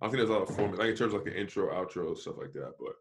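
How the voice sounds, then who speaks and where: Casting note: male co-host, lowish voice, relaxed chat with stammered restarts. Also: racing, creaky. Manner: easygoing, stammers and repeats words, laughs often. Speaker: podcast co-host. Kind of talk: casual chat.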